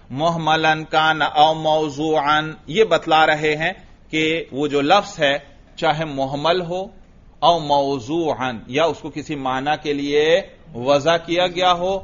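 Male teacher, grammar lecture, reads Arabic slowly, asks and answers his own questions, slightly high voice, dull lo-fi sound. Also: fairly bright tone. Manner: asks students questions and answers them himself; reads Arabic lines slowly, then explains. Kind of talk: classroom lecture reading and explaining a text. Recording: dull lo-fi recording.

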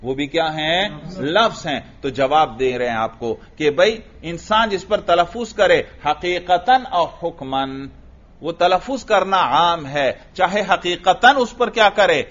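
A male teacher giving a classroom lecture, who reads Arabic lines slowly, explains them and asks his students questions that he then answers himself. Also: a little high, lively intonation, fairly bright tone. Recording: dull lo-fi recording.

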